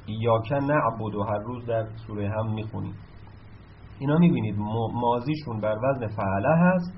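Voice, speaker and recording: A man's voice: mid-range voice, slight background noise. Male teacher, patient explanatory lesson, slightly dull recording, faint room ambience. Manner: patient, explanatory, repeats and asks himself questions. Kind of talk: recorded lesson on Arabic verb patterns.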